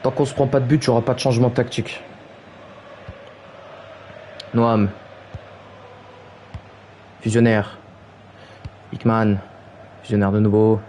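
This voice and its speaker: Young French-speaking man doing mock football commentary. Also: slight background noise. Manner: low calm play-by-play that rises to high shouted goal calls. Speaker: streamer commentating his own football video game match.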